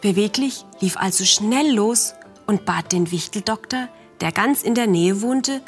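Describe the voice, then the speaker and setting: A woman narrating a children's story in a gentle, calm way, speaking directly to the children. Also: mid-range voice, a little slow, faint music behind.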